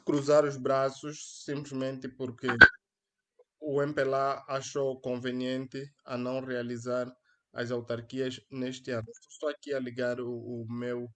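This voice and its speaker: A young adult man with an Angolan Portuguese accent hosts a solo live stream through a headset mic, sounding earnest and hesitant with many fillers and restarts. His mid-range voice is completely flat, delivered at a measured pace.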